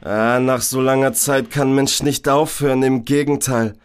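A man's voice: mid-range voice, fairly even intonation, moderate pace, faint music behind. A man narrating a grim horror story in a brooding, dramatic first-person reading.

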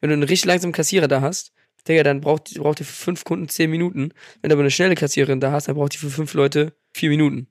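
A man's voice: a little high, fairly even intonation, rapid-fire, no room sound, studio quality. A young man co-hosting a podcast in casual chat, laid-back and agreeable, telling stories with slang. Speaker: podcast co-host.

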